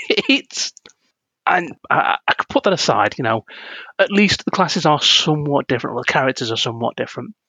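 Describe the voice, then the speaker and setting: A man's voice: mid-range voice, expressive, fast talker, creaky, pushed and bright, breathy edge, dry recording. A young man co-hosting a casual gaming podcast, ranting in a self-deprecating way. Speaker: podcast co-host.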